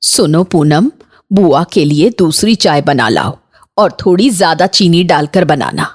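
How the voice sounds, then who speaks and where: A woman voicing a stern middle-aged mother-in-law in a cartoon, talking in a measured, commanding way. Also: deep voice, sing-song, breathy edge, pitched below the performer's own voice, exaggerated voice. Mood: wary. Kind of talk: Hindi cartoon voice acting.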